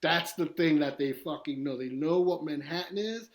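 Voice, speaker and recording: His voice a little high and his pace moderate, a guest artist from East New York, Brooklyn, chats on a casual podcast in a New York street accent. He spins rambling, profane, animated stories.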